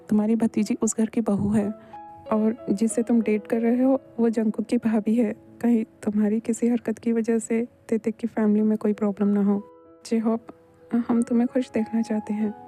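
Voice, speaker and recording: A fatherly elder brother gives gentle, measured advice in a very mellow, dark-toned voice, voiced by a woman. It is a homemade Hindi fan voice-over dub with faint music behind. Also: a little high, lightly acted.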